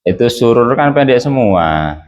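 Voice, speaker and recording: A man's voice: medium pitch, very animated, a little slow, darkish tone, slight background noise. A man teaching an Arabic class, patiently correcting how his students pronounce and read their lines. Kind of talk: classroom reading drill and correction. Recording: echoey, dull lo-fi classroom recording.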